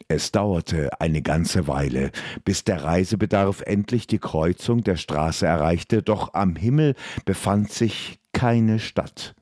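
A man narrating a fantasy audiobook in a measured, dramatic way. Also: low voice, a little mellow, no room sound, studio quality.

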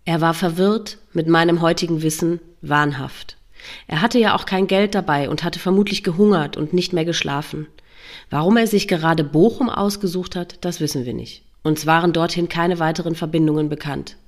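A woman in her fifties reads her own life story aloud. Her voice sits a little low, and she keeps it quiet, subdued and measured throughout. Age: 50s. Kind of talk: reading a personal memoir aloud.

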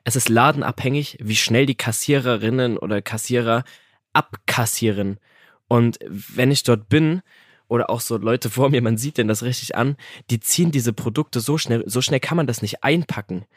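A young man co-hosting a podcast in casual chat, animated and chatty, swearing often and checking that he is understood. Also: mid-range voice, moderate pace, dry recording, clean studio sound. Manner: animated and chatty, swears, keeps asking "you know what I mean". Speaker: podcast co-host.

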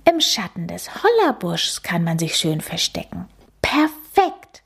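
A woman's voice: fairly low pitch, big pitch swings, vocal fry, slightly rough, exaggerated voice. A woman voicing a bored, sulky little boy coati who whines and complains. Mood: eager. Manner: whining, drawn-out complaining.

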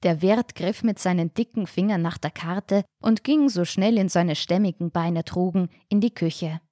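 A woman narrating a short story for her podcast in a measured, clear reading. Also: lowish voice, mellow, no room sound, studio quality.

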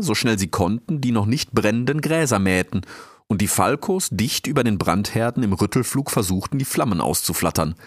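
A man's voice: lowish voice, no echo. A man narrating a story, reading expressively and dramatically. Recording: dry close sound.

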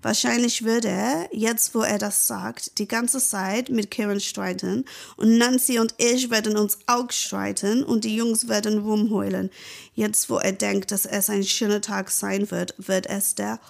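A woman with an English accent speaks in a gravelly, creaky mid voice, a native English speaker chatting as a podcast guest. She tells and reads her own story with lively drive, stumbling and repeating words as she reaches for the phrasing. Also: mid-range voice, unhurried. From Britain. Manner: animated, repeats words while searching for German. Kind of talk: casual chat and reading aloud.

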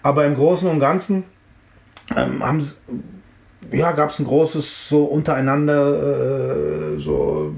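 This middle-aged interviewee, a hip-hop artist from the Frankfurt region of Germany, rambles through his memories in a casual chat, full of fillers and restarts. His somewhat high, gravelly voice is darkish, with lively intonation and a measured pace, and the room lends a roomy echo.

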